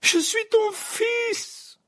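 A man doing a terrified young prisoner, his voice pushed very high and piercing, sobbing and begging. The pleading is slow and desperate, as in a dramatic audiobook. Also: animated, gravelly, bright, forceful tone, heavily acted. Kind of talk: audiobook character voice.

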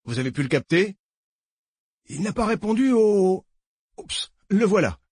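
A man's voice: high voice, very animated, a little slow, darkish tone, husky, no room sound, clean studio sound, pitched above the performer's own voice, full character voice. Man doing an easygoing helicopter pilot. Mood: matter-of-fact.

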